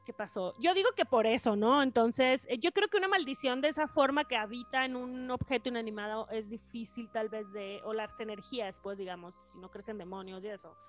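A woman with a Mexican Spanish accent, a podcast guest chatting casually in a lively, animated way. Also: on the high side, brisk, hardly any pauses, faint music behind. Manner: lively, animated, trails off into quiet musing. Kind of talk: casual chat.

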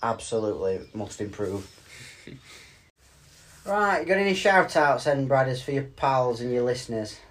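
A man's voice: medium pitch, expressive, normal speed, long pauses, fairly bright tone. A middle-aged man, co-hosting a casual podcast with a playful, teasing and mock-stern manner. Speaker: podcast co-host. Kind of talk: casual chat.

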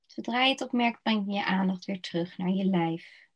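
A woman guiding a slow body-scan relaxation meditation in a soft, soothing voice with long pauses. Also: medium pitch, slightly rough. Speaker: meditation guide. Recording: dull lo-fi recording.

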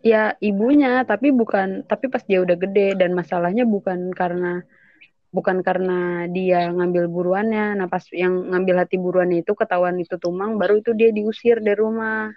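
A woman's voice: medium pitch, steady tone, normal speed, no room sound, highs cut off. A young woman in casual chat among friends, questioning them and pushing them to tell their version.

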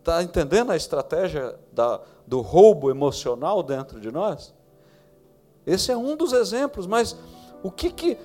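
Brazilian Portuguese-accented male preacher, forties, higher pitch, storytelling sermon that builds to fervor. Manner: storytelling, rising to fervent emphasis.

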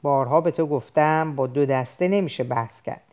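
A woman's voice: low voice, a little mellow, natural voice. A woman voicing a blunt, conspiratorial middle-aged police officer in an audiobook reading. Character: older male police officer, blunt friend.

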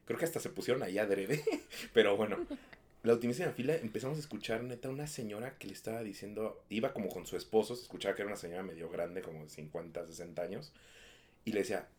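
A young man with a Mexican accent, co-hosting a casual chat and telling a slangy, animated story. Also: on the low side, fast. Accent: Mexican Spanish. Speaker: podcast co-host.

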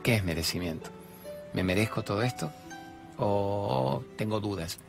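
An older man with an Argentine accent hosts a motivational talk show. He preaches in an animated way and slips into characters while telling stories. Soft music plays beneath his voice. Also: on the low side, measured pace, creaky. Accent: Argentine Spanish. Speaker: self-help radio host.

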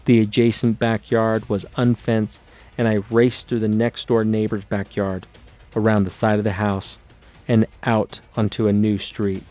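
Low-voiced man reading a memoir. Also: darkish tone. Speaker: memoir author and narrator. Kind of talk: first-person memoir audiobook narration.

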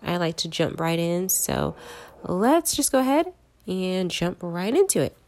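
A woman's voice: lowish voice, wildly swooping pitch, a little slow, darkish tone. Stuffy-nosed woman chatting about movies. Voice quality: congested, stuffy-nosed from a cold. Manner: chatty, conversational, frequent "like" and "you know". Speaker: host of a horror movie review show. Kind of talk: casual solo review chat.

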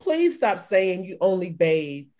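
Animated woman telling a story. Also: fairly low pitch, slow pace. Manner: animated storytelling, laughing often. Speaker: podcast co-host. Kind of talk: casual chat.

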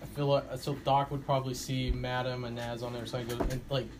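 A man's voice: mid-range voice, level tone, fairly quick, darkish tone. A man describing his character's actions in a tabletop game, easygoing and dry. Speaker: player. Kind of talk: casual tabletop game chat. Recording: noisy background.

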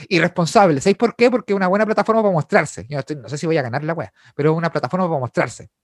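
A young Chilean man telling a story in a casual chat, animated, laughing and full of slang. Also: a little high, rapid-fire, no echo, clean studio sound. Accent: Chilean Spanish.

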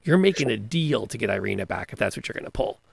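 Amid crowd noise, a man who co-hosts a podcast and runs games as game master tells tabletop gaming stories in a casual, enthusiastic chat full of restarts. His fairly low voice is creaky and sing-song, and he talks fast.

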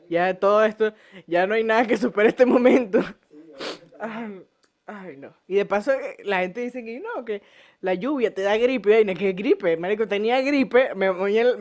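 A young man with a Venezuelan accent hosting a casual podcast, telling stories with lots of swearing, jokes and laughter. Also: sits high. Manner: profane, joking, laughs often. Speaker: podcast host. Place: home podcast set.

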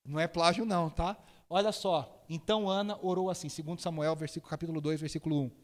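A man preaching a sermon, telling stories lively and imitating people with sudden high shouts. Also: fast talker.

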